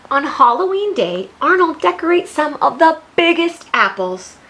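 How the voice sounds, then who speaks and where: An American woman teacher with a high voice reads a picture book aloud to young children at normal speed. She's expressive, mixing in questions and teaching asides.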